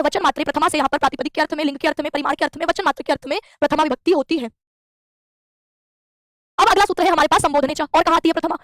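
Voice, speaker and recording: A woman delivers an exam-prep grammar lecture in a very high voice at a racing pace. She explains step by step and keeps asking and answering her own questions. The sound is dry and close-miked. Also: a bit bright, dry recording. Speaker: Sanskrit grammar teacher. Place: classroom with a board.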